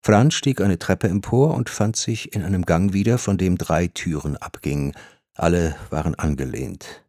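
Low-voiced male audiobook narrator. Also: normal speed, darkish tone, dry recording, studio quality.

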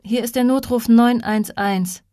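A woman voicing a tired emergency dispatcher who answers calls in a trained, flat phone voice. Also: on the high side, unhurried, no echo, clean studio sound, pitched above the performer's own voice, lightly acted. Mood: calm, formal.

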